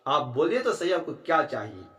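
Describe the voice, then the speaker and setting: A man's voice: on the high side, very animated, normal speed, a bit bright, roomy sound. A man teaching a school textbook chapter, who repeats key lines and keeps checking in with his students. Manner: keeps asking "है ना?", "ठीक है"; repeats lines to drive them home.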